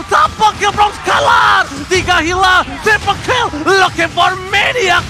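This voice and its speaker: A man with an Indonesian accent doing esports commentary like a fighting game announcer, shouting excitedly with drawn-out calls and English catchphrases. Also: very high voice, low-quality recording. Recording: music behind the voice. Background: music.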